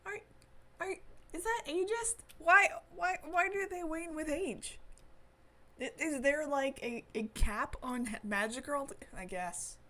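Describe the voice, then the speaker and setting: A woman gaming host streams a visual novel, reading the story text aloud dramatically in a high-pitched, slow, sharp voice. She adds giggly, enthusiastic asides as she goes.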